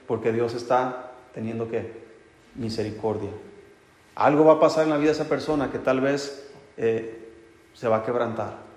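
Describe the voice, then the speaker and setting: A man's voice: medium pitch, normal speed, pauses often. A man preaching a sermon as pastor, asking the congregation rhetorical questions and answering them himself, with touches of humor. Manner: addresses listeners as brothers, light humor. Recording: echoey hall with long reverb.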